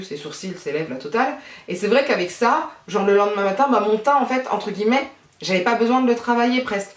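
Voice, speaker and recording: A woman's voice: mid-range voice, recorded from a distance. A woman chatting casually as a beauty vlogger at home, with a self-mocking, easygoing way of talking. Her voice sits in the middle range and sounds a little back from the mic. The room around her is echoey. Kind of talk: casual chat to camera. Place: at home, child nearby.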